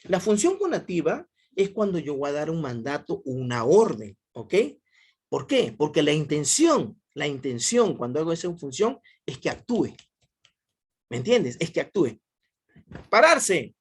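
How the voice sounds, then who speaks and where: A man's voice: fairly high pitch, big pitch swings, normal speed, darkish tone, husky. A male teacher giving a class over a video call, repeating himself often and quizzing his students. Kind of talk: online class lecture.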